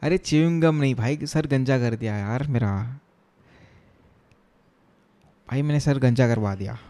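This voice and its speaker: This streamer, a young man from Chennai, India, reads viewer chat out loud during a coding stream and replies with jokes, blending Hindi and English tech vocabulary. He talks at normal speed in a medium-pitched, dark voice.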